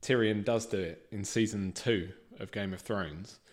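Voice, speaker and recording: Deep-ish male co-host, chatty, thinks out loud. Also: a little slow. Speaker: podcast co-host. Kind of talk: casual chat.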